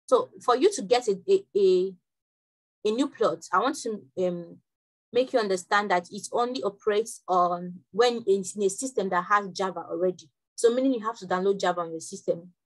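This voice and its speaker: A young woman from Nigeria leading an online workshop class over a video call, talking quickly with frequent restarts. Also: mid-range voice, rough recording. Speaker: workshop instructor.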